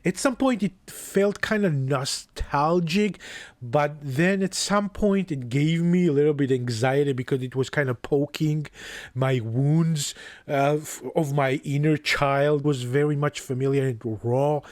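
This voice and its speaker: A young Georgian man, a native speaker of Georgian, chats casually about a book he loves, reviewing it in a thoughtful, hesitant way full of restarts. His voice is slightly high and darkish in tone, his pace unhurried, and the recording is dry.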